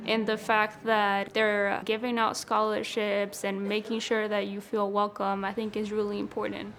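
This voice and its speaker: Earnest young woman, flat delivery. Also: medium pitch, normal speed. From Chile. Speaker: scholarship recipient, PhD student. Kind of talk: interview testimonial. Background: music.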